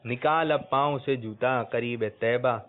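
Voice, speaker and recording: A man hosting a religious quiz for children, coaxing answers out of them and loudly praising the correct ones. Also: mid-range voice, steady tone. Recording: tinny lo-fi phone-like sound.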